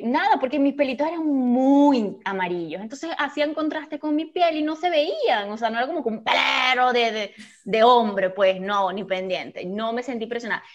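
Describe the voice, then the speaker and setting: A woman with a Venezuelan Spanish accent, chatting casually and frankly as a co-host with laughing asides. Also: a little high. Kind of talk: casual chat. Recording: dull lo-fi recording.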